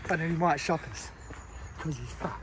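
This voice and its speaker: A man's voice: fairly high pitch, normal speed, a little hiss or hum. A man chatting outdoors by a lake, in a matter-of-fact, slangy way. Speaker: angler. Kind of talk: casual chat.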